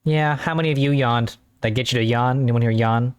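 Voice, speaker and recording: A man's voice: mid-range voice, fairly even intonation, brisk, clear, resonant tone. A man streaming a story game, talking in a rambling, offhand way and swearing casually. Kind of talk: casual let's-play commentary.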